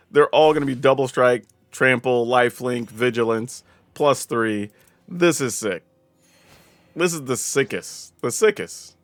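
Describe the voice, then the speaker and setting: A man from the American South commenting casually on his own card game, thinking aloud and getting excited over big plays. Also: medium pitch, no room sound. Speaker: gameplay commentator.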